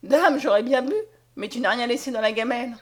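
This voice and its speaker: A woman's voice: on the high side, a little fast, natural voice. A woman voicing a devout, tender young peasant girl in an audiobook reading. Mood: caring. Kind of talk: audiobook character voice.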